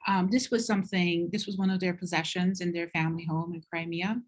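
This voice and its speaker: A middle-aged woman from Turkey presents slides at a university talk, speaking in an unhurried, thoughtful way with frequent ums. Her voice is lowish and steady in tone.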